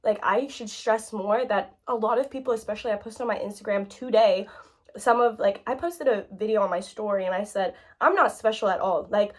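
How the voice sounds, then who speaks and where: A woman's voice: mid-range voice, a little fast. A woman in her late twenties talking candidly to her viewers in a casual vlog, chatty and full of fillers, close to tears at times. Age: 20s. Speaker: YouTuber.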